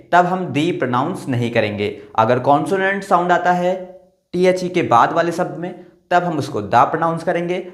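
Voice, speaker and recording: A man teaching English pronunciation in Hindi, explaining step by step and asking and answering his own questions over slides. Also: fairly high pitch. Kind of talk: Hindi-language pronunciation lesson.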